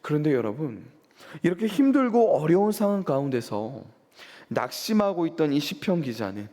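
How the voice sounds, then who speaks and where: A man's voice: mid-range voice, dark tone. A man preaching a sermon as pastor, asking his congregation questions and rising for emphasis. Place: church sanctuary. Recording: long church hall reverb.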